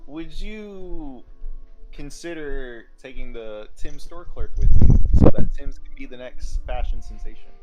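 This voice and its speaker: Male player, mid-range voice, smooth salesy persuader. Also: medium pitch, measured pace, mellow, faint music behind, poor audio. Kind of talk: casual game chat and in-character pitching.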